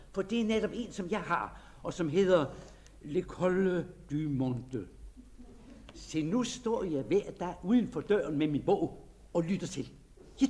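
A man gives a dramatic first-person reading of a diary in a fairly high voice. He sounds shy and hesitant, stumbles over his words, and sinks into soft, dreamy tones. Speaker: narrator.

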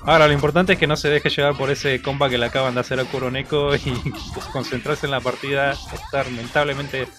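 A man's voice: medium pitch, fairly even intonation, a little fast, hardly any pauses. A man with an Argentine Spanish accent giving casual, chatty analysis as a colloquial fighting game co-commentator. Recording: game music behind the voice. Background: fighting game music.

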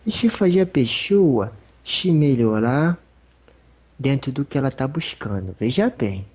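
A humble, teasing old male spirit elder speaks with a Brazilian accent, voiced by a medium in trance. The voice is husky and its pitch swings widely between low murmurs and sudden high notes. He talks in a rambling, folksy, fatherly way. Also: lively intonation, a little slow, a little mellow. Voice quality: husky, rambling, folksy speech with fond asides. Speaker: spiritual medium giving a consultation. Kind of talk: religious consultation talk.

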